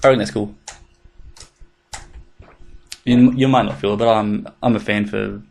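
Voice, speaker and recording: A man's voice: fairly low pitch, fairly even intonation, quick pace, creaky, a little mellow. A man co-hosting a podcast, chatting casually in a laid-back, rambling way with plenty of fillers and swearing. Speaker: podcast co-host. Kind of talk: casual chat.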